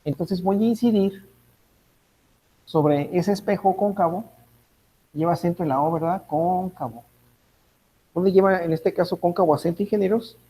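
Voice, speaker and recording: A man's voice: high-pitched, moderate pace, long pauses, warm tone, husky, low-quality recording. A man teaching a physics class, thinking aloud, correcting himself and checking in with his students. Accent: Mexican Spanish. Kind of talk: online class lecture.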